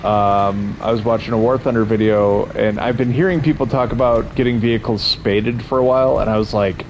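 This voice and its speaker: A man's voice: lowish voice, steady tone, brisk. Young guy streaming a tank game, rambly and joking with chat, kinda muffled mic, game noise faint behind. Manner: rambling, chatty, self-amused, talking to stream chat. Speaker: gaming streamer. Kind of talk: casual gameplay commentary.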